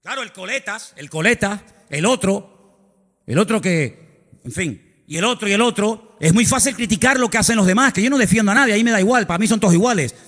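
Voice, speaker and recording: A man's voice: sits high, animated, a little fast, fairly bright tone, big-room sound. A male pastor preaching a sermon in a church, telling the story dramatically with emphatic repetitions and asides.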